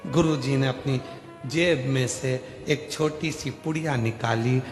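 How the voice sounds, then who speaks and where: A man's voice: mid-range voice, a little slow, soft background music. A man telling a devotional parable in a conversational sermon style, in an echoey hall. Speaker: religious storyteller.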